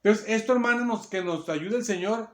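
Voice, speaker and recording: A man's voice: high-pitched, a little fast. A man preaching a sermon, emphatic and given to restarts, recorded in a church hall. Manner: emphatic, acts out quotes, many restarts. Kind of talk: sermon Bible teaching. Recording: roomy echo.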